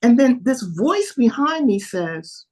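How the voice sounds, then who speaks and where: Lively older woman telling a story. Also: on the high side, a little slow. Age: 70s. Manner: lively storyteller, acts out dialogue. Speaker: podcast guest. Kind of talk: storytelling in an interview.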